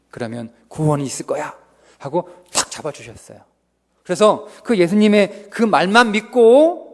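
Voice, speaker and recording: A male pastor preaching a revival sermon, swinging from loud outbursts to whispers, recorded in a church sanctuary. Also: high voice. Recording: reverberant church hall.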